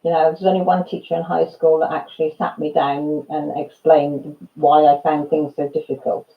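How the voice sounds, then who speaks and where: In a low, flat voice at a moderate pace, a Welsh woman in her fifties hosts a casual live chat, laughing through stories and addressing viewers by name. Narrow, tinny audio.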